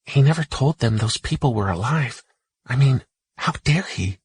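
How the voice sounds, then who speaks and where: A man voicing a gentle, caring young woman in an audiobook, talking softly and earnestly. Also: medium pitch, animated, moderate pace, breathy edge, pitched above the performer's own voice. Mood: upset. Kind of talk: audiobook character voice.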